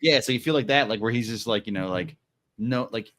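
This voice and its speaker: Over a little hiss or hum, a man with a mid-range, somewhat bright voice co-hosts a podcast. His book recap is loose and rambling, packed with "like"s and "you know"s, with quick acted quotes.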